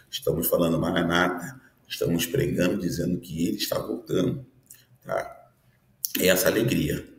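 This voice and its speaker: A man's voice: low voice, reverberant. A man in his fifties, a pastor, teaching a prophetic sermon in an earnest style, often checking in with his listeners. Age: 50s. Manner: earnest preaching with frequent tag questions.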